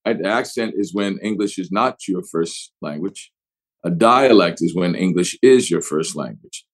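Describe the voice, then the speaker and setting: A middle-aged actor with a New Orleans accent, telling stories expansively in an interview and acting out examples with pitch swings. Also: male voice, a little slow, poor audio. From New Orleans, USA. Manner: expansive storyteller, shifts pitch to act out examples. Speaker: actor guest. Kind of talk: animated interview talk.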